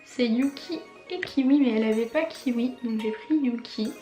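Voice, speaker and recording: A woman's voice: fairly high pitch, normal speed, dark tone, echoey room, faint music behind. A young woman chatting enthusiastically as she shows off her purchases in a casual vlog, with many fillers and laughs. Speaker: vlogger.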